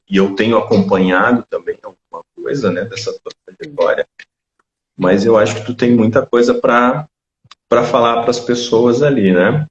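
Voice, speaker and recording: Man, interview host, rambling, self-correcting, echoey room, muffled sound. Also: fairly low pitch. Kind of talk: casual interview chat. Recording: dull, echoey remote audio.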